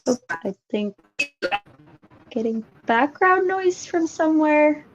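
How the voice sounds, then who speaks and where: A woman's voice: sits high, lively intonation, takes it slowly, muffled recording, faint music behind. A woman in her late twenties from Finland, introducing herself as the instructor of an online class in a casual, chatty way with many filler sounds. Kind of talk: casual classroom introduction over video call. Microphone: computer mic on a video call.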